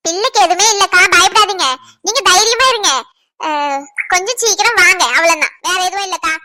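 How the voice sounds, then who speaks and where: A kind young neighbor, played by a woman with a very high, bright voice, soothing and reassuring. Close, dry sound. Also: fairly quick, no room sound. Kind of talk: Tamil cartoon dubbing.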